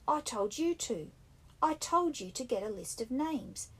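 A woman voicing an earnest young boy leader who speaks firmly and curtly, in a husky voice. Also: fairly high pitch, animated, measured pace, a bit bright, voice pushed up, exaggerated voice.

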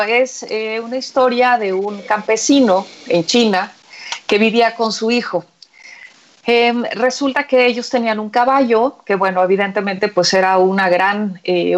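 A woman's voice: mid-range voice, creaky. A woman, chatting and telling a story as a show co-host, with many fillers. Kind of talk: conversational storytelling.

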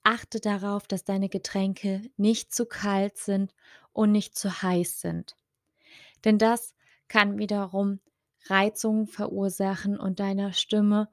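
A woman speech and voice coach hosting her podcast, giving calm, gentle advice straight to the listener. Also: mid-range voice, no room sound, studio quality. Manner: slow, gentle, addresses listener directly.

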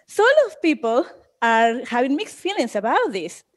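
A woman's voice: high-pitched, sing-song, moderate pace. A woman with a Mexican accent, co-hosting a casual chat podcast and laughing often. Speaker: podcast co-host.

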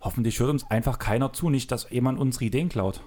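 A man with a medium-pitched voice co-hosts a casual chat podcast. He jokes and teases his partner, and he keeps the talk moving with questions. He is recorded indoors in a room with closed windows. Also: fast talker, darkish tone. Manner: teasing, joking, drives the conversation with questions. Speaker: podcast co-host.

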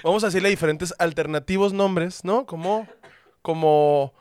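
Playful man hosting a chatty podcast, slightly higher pitch. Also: moderate pace, a little mellow, clean tone, no room sound, clean studio sound. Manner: playful, joking, laughs a lot. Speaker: podcast host. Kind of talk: casual comedic chat.

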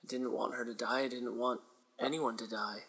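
A man's voice: mid-range voice, fairly even intonation, normal speed, fairly bright tone, close to an everyday voice, low-quality recording. A man playing a paranoid escaped male mental patient in an amateur radio drama, stammering and rambling. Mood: frantic. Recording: music playing underneath.

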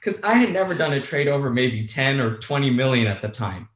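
A man's voice: medium pitch, lively intonation, brisk, roomy sound. A man, a guest on a talk show, telling a story casually, candid and self-deprecating, with some swearing. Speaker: guest, former bond trader.

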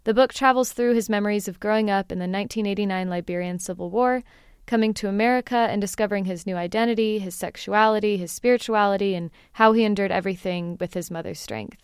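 A woman's voice: medium pitch, fast, smooth, no room sound, studio quality. A woman hosting a music podcast, chatting in a friendly way with frequent fillers. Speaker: podcast host. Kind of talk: podcast intro and phone interview.

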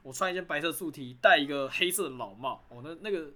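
Fast-talking Taiwanese woman podcaster. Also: low voice, animated, a bit bright. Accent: Taiwanese Mandarin. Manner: fast, joking, self-mocking. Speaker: podcast co-host. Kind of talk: casual chat.

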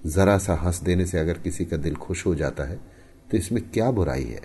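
A man narrating a story in an expressive audiobook style, with emphatic rises and hushed falls. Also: low-pitched, moderate pace, slightly rough.

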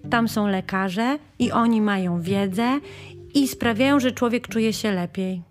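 A woman's voice: mid-range voice, faint music behind, natural voice. A woman voicing a small, shy plush toy badger who speaks earnestly in a children's audiobook. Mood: earnest protest. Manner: earnest, quick to protest.

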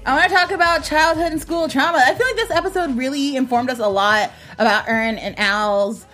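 A woman hosting a casual panel chat about a TV episode, lively and quick to laugh. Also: sits high. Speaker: host.

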